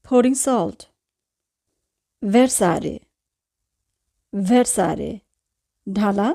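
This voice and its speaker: A woman's voice: mid-range voice, vocal fry, mellow. A woman with a Bangladeshi Bengali accent teaching vocabulary, saying each word twice and then translating it. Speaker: language teacher. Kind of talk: slow vocabulary lesson.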